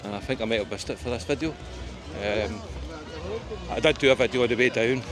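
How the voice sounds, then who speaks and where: Festival music and crowd chatter surround this outdoor walking-tour vlog on a busy seaside promenade. The Scottish travel vlogger, with a broad accent and a mid-range voice, talks a little fast, rambling casually with lots of ums, wee and aye.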